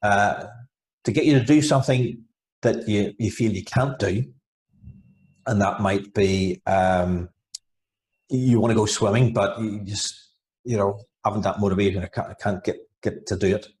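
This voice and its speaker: A low-pitched man explains his work as a hypnotherapist. He talks in a steady, casual way, restarting and repeating phrases as he goes. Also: measured pace. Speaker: hypnotherapist guest. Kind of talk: casual interview over video. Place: home, over a video call.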